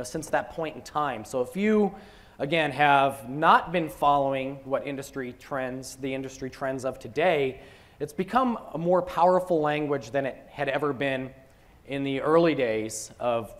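A man presenting software at a conference, talking through a live demo with joking asides. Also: a little high.

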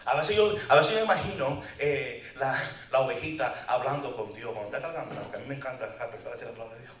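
A man preaching a lively, joking sermon at a men's conference, often calling out to the audience. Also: medium pitch, fairly quick. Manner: animated, joking, calls out to the audience. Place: conference hall. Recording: echoey hall, mic far off.

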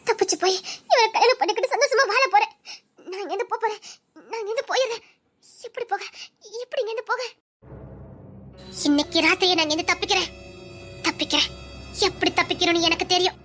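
A frightened young college woman, voiced by a woman, speaking in a very high, quick voice. She sounds torn and anxious throughout. This is emotional audio-drama acting. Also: pushed and bright, soft background music.

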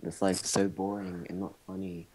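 A man's voice: low-pitched, level tone, normal speed, a little mellow, poor audio. Sarcastic young man mocking his friends. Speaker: player in a card game. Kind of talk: casual online game chat.

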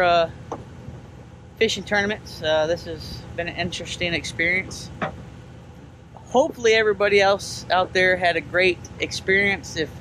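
This thirty-something vlogger has a high voice and fishes from a kayak, talking casually and eagerly urging a fish in as he reels it toward him. The audio is rough, with a faint hiss or hum, captured by an action camera that's sometimes kayak-mounted and sometimes handheld, on the water and at a lot by the water.

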